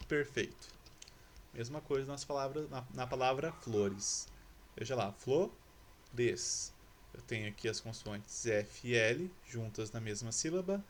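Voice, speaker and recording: A man's voice: medium pitch, slight background noise. A male Brazilian Portuguese grammar teacher giving a lesson to schoolchildren, patiently spelling out letters and syllables.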